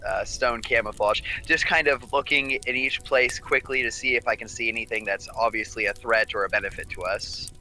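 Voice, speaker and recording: A man's voice: mid-range voice, fairly even intonation, moderate pace, few pauses, sharp tone, a little hiss or hum, low-quality recording. A man playing a tabletop role-playing game, talking casually with frequent fillers. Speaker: player.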